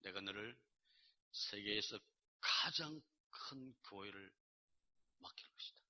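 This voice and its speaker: A male pastor voicing God in his sermon, speaking in slow, hushed pronouncements. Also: lowish voice, animated, dull audio, pitched below the performer's own voice. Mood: solemn. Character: solemn commanding voice of God.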